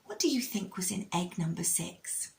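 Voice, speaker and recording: Expressive woman, kids show host telling stories. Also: on the low side, moderate pace, creaky. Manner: kids show host, addressing children directly with questions and prompts. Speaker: children's storytime host. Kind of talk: children's storytelling with religious lesson.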